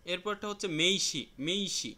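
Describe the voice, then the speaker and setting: A man teaching a language class in a plain, patient way, repeating each word slowly and restarting himself now and then. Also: sits high, expressive, sharp tone, faint music behind. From Bangladesh. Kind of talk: classroom lesson explaining vocabulary.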